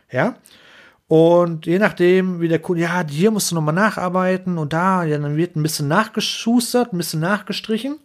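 A man chatting casually on a podcast, telling a lively story and acting out clients and bosses in quick voices. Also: a little high. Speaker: podcast co-host.

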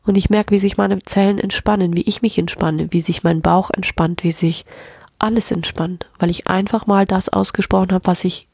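A woman hosting a solo podcast, speaking openly and reflectively about her feelings after crying, her nose a little stuffy, sometimes dropping into soft whispers. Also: mid-range voice, steady tone, fairly quick, gravelly, hardly any pauses, slightly rough, no room sound. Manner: open, emotional, self-reflective, drifting into soft whispers. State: teary, slightly stuffy nose. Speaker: podcast host. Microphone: plug-in microphone, close.

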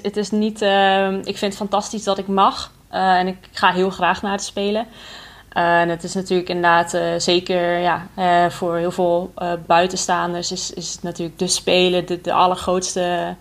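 A young woman, a triathlete guest on a podcast, answering hesitantly with lots of pauses and fillers. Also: lowish voice. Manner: hesitant, many fillers, flat delivery. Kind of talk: casual podcast interview.

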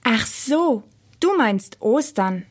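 A woman's voice: a little high, lively intonation, slow. A woman voicing a shy, sweet young female Easter bunny in a storybook reading, earnest and a little timid.

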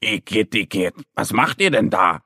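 A man's voice: on the low side, animated, normal speed, pushed and bright, slightly rough, dry recording, clean studio sound, exaggerated voice. A man voicing a small, whiny young bear cub in a children's story. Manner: whiny, complaining.

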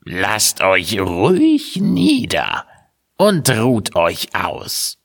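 Rasping old witch, as a man voices her. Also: fairly low pitch, huge pitch swings, extremely slow, heavily acted. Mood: false friendliness. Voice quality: rasping, snarling. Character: scheming old witch woman, falsely friendly.

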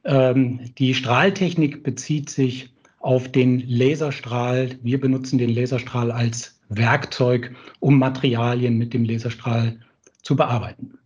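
A man's voice: medium pitch, steady tone, a little slow, darkish tone, slightly rough, lo-fi sound. A middle-aged man, a professor, introducing himself courteously as a guest over a remote line. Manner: courteous, explanatory. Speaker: professor and institute director, guest. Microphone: remote connection.

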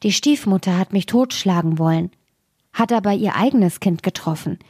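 A woman's voice: mid-range voice, moderate pace, darkish tone, husky, dry recording, studio quality, lightly acted. A woman voicing a young girl in a fairy tale, speaking in a slightly raised, urgent voice. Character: frightened young girl, stepdaughter in flight.

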